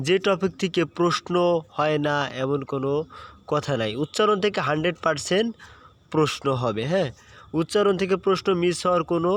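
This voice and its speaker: A man teaching an admission-prep lesson, patient and repeating key points while checking understanding. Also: on the high side. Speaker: admission tutor. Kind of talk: online exam-prep lesson.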